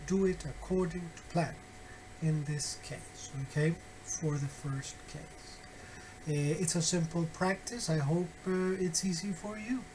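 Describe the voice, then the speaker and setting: A man walks through a phonetics lesson at an unhurried pace. He pauses often and keeps checking that his listeners follow. A faint hiss of room noise sits under his voice. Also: on the high side, steady tone, darkish tone, low-quality recording. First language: Spanish. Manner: slow, patient, many "uh" fillers and "okay?" checks. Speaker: phonetics teacher. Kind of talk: recorded online lecture.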